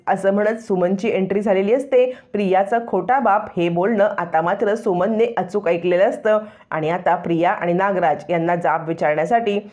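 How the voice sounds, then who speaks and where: A woman retelling a television serial episode in lively, dramatic narration. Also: fairly low pitch. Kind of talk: storytelling recap narration.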